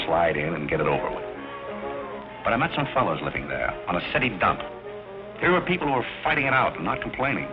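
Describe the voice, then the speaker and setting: An actor playing a dry, dignified gentleman butler in 1930s screwball film style, speaking in a measured, wry, formal way. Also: sits low. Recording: muffled 1930s film soundtrack with music.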